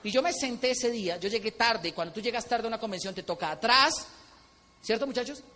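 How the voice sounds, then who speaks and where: A man with a Colombian accent telling a story at a convention, animated and acting out quotes. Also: very high-pitched, fairly quick. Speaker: motivational speaker. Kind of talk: stage talk at a convention. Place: large convention hall. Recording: echoey hall with faint noise.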